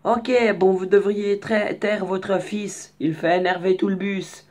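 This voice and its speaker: A young man voicing a loud, combative old grandfather with an exaggerated put-on accent. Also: high voice, flat delivery, unhurried, voice pushed up. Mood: indignant. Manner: shouty, indignant, heavy put-on accent.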